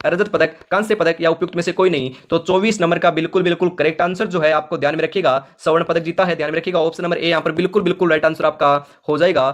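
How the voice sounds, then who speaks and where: A male coaching teacher running an exam quiz lesson, who reads each question and its options, then stresses the answer and keeps telling viewers to remember it. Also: fairly high pitch. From Rajasthan, India. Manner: addresses viewers as friends, urges them to remember. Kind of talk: current affairs quiz lesson.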